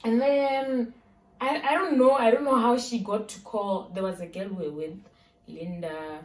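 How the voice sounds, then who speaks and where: A woman's voice: fairly high pitch, fairly even intonation, a little slow. Chatty woman vlogger, echoey room. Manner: chatty, repeats herself, interjects. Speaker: vlog co-host. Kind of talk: casual chat with viewers. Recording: echoey room, distant mic, faint noise.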